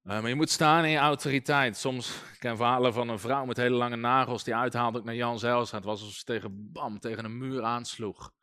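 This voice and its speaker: A man giving an informal sermon on deliverance. He talks in a lively, humorous way, full of anecdotes and chuckles. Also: medium pitch, brisk, hardly any pauses, clean tone. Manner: lively and humorous, often chuckling and using fillers like "weet je". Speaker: preacher teaching on deliverance.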